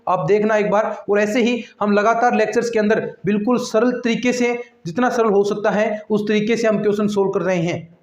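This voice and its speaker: A high-pitched male maths teacher walks his online students through a method step by step, often repeating himself. His voice rings in an echoey room on a dull, lo-fi recording. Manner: repetitive step-by-step explaining, addressing students directly. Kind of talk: online exam-prep lecture.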